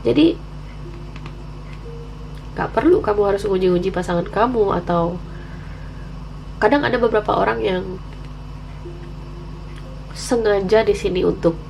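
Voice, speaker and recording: A medium-pitched, slightly mellow, creaky female voice moves at a measured pace with long pauses, on poor audio carrying a little hiss or hum. She's an Indonesian channel host doing a tarot reading for viewers, flu-ridden and with a candy in her mouth. She chats openly and candidly, mixing in English slang.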